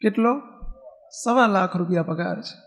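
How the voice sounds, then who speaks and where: High-voiced Gujarati swami preaching in a hall. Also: male voice, moderate pace. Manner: conversational, often asking the audience "bolo" and "ha?". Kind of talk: Gujarati sermon with storytelling. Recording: long hall reverb.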